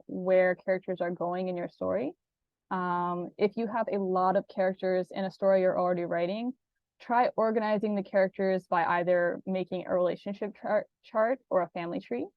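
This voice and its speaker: A woman leads a writing workshop over a video call, talking in a relaxed, unhurried way full of fillers and small laughs. Her voice is mid-pitched, and the sound is a little dull and dry. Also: no echo. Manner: relaxed, many ums, laughs easily. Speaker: workshop presenter. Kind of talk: casual workshop talk.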